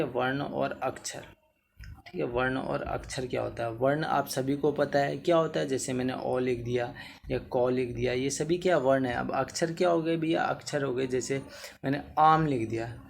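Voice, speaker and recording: Over slight background noise, a medium-pitched, creaky male voice teaches Hindi grammar ahead of exams. He draws out vowels to show their length, addresses the students as bhaiya, and asks "theek hai na" over and over.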